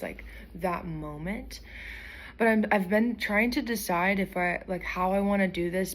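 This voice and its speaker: A woman's voice: lowish voice, a little hiss or hum. A woman speaking casually to her viewers, searching for words as she shares her conversion testimony. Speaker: vlogger sharing a conversion testimony. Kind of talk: casual talking-to-camera testimony.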